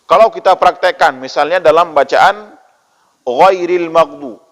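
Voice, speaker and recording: A man from Indonesia teaching Quran pronunciation in a patient lesson, repeating letter sounds over and over and chanting verses slowly for listeners to copy. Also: a little high, fairly bright tone. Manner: chants Quranic phrases in drawn-out recitation. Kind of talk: slow tajwid lesson with call-and-repeat drills. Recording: long hall reverb.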